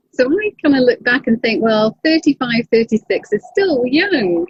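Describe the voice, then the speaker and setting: A woman's voice: sits high, lively intonation, measured pace, dull audio, slight background noise. A woman in her fifties hosting an interview in a chatty, laughing way. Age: 50s. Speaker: host. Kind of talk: casual interview chat.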